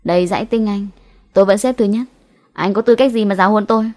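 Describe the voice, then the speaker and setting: A woman's voice: mid-range voice, fast talker, voice pushed up, natural voice. A defiant, hot-tempered young policewoman from a ghost audiobook, acted by a woman. She sounds haughty and indignant.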